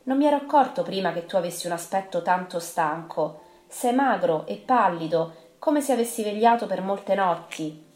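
A woman's voice: medium pitch, lively intonation, moderate pace, darkish tone, close to an everyday voice. A woman voicing a worried young male friend, earnest and caring, asking urgent, pleading questions. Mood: concerned. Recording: roomy with faint music.

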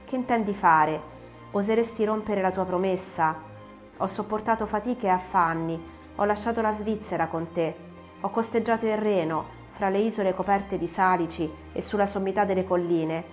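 A woman's voice: mid-range voice, normal speed, faint music behind, natural voice. A woman voicing a bitter, vengeful male creature in an audiobook, declaiming his threats with force. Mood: reproachful. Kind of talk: audiobook reading.

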